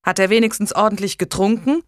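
A woman reading an audiobook voices a gruff, grieving older man who scolds with sarcasm. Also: mid-range voice, quick pace, dry recording, studio quality, pitched above the performer's own voice, lightly acted. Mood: sarcastic.

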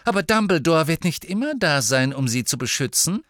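A man's voice: a little high, very animated, a little fast, a bit bright, no echo, studio quality, voice pushed up. A man voicing a cold, haughty aristocratic mother, cool and disdainful, in a storybook reading.

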